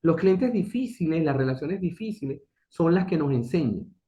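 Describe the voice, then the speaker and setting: A man's voice: on the high side, expressive, normal speed, mellow. A middle-aged man giving an earnest motivational talk as a business consultant, asking rhetorical questions and repeating key phrases. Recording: dull lo-fi recording.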